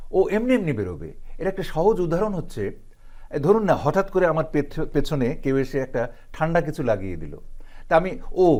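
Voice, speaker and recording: A man's voice: fairly high pitch, a little mellow. Guy teaching pronunciation, bouncy voice, acts out the sounds. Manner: demonstrative, sounds out vowels. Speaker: pronunciation trainer. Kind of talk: explanatory lesson.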